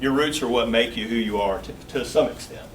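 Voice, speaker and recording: A man's voice: medium pitch, a little fast. Southern US man, 40s, easygoing joking guest speaker, recorded from a distance. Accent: Southern US, Augusta Georgia. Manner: folksy and joking, with filler words. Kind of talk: casual company talk. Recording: distant mic with faint room noise.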